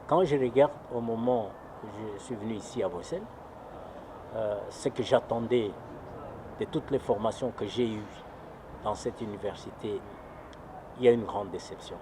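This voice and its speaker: A man from Congo speaks gravely in a documentary interview, with a lowish voice. He is emphatic and repeats phrases for effect. Clear city traffic noise sits behind him. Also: moderate pace, pauses often.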